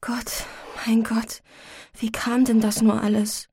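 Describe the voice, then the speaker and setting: A woman's voice: on the high side, little pitch movement, slow, breathy edge, no echo, studio quality, heavily acted. A woman voicing a grieving mother. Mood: anxious. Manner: quiet, subdued and earnest. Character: grieving young widow, tender and sorrowful.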